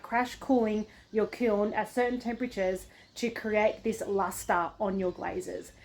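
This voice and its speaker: A woman's voice: fairly high pitch, darkish tone. A woman with an Australian accent talking casually in a vlog, rambling a little as she thinks aloud. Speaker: potter and studio vlogger.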